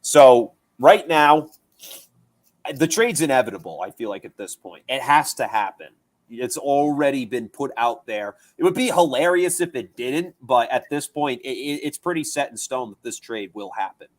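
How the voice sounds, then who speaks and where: A man's voice: medium pitch, animated, moderate pace. A man co-hosting a sports podcast, chatting loosely with fillers and restarts. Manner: rambling, lots of fillers and restarts. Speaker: podcast co-host. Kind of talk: casual sports talk.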